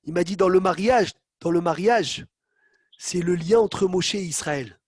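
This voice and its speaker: A man giving an online Torah lesson, animated, calling on students by name and acting out the quotes he tells. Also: sits high, a little slow, breathy edge, dry recording, studio quality. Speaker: rabbi teaching a Torah class.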